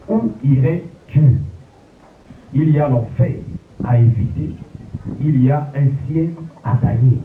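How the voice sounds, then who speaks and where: A man preaching a funeral sermon in a preacherly way, his voice dropping low at the end of phrases. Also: slight background noise. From Congo. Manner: preacherly, swooping pitch drops at phrase ends. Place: funeral gathering. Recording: echoey, distant, phone-like lo-fi sound.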